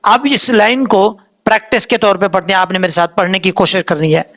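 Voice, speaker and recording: A man teaching a tajweed lesson in Urdu with a Pakistani accent, spelling words out sound by sound and chanting the verses in long drawn-out notes. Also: high-pitched, fairly bright tone. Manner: slow letter-by-letter drilling, drawn-out chanted recitation.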